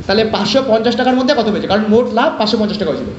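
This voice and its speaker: A man's voice: high-pitched, lively intonation, racing, slight background noise. A man teaching an online math class, asking and answering his own questions step by step. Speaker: math tutor. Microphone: online class call. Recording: echoey, dull lo-fi online class audio.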